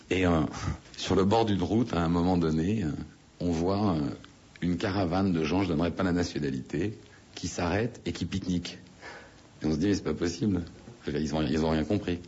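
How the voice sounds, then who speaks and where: Deep husky man telling a story. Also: darkish tone. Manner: chatty, with hesitant fillers and restarts. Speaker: interviewee. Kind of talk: relaxed anecdotal storytelling. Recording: dull lo-fi radio sound.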